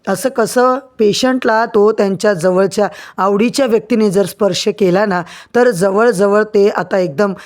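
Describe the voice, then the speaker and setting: A reassuring male doctor explains what will help his patient, voiced by a woman in her normal tone. Measured and instructive. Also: mid-range voice, a little mellow, natural voice. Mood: advising.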